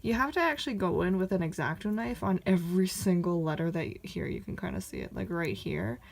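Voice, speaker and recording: A woman's voice: fairly low pitch, lively intonation, fairly quick, gravelly. A woman chatting casually in a home vlog, rambling with lots of fillers and frequent laughs. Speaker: vlogger.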